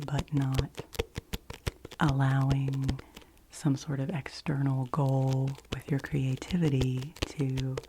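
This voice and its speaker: A woman giving a whispered ASMR book review and reading in a soft library whisper, gentle and deliberate, with long pauses. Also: rumbling low, slight background noise. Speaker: ASMR host.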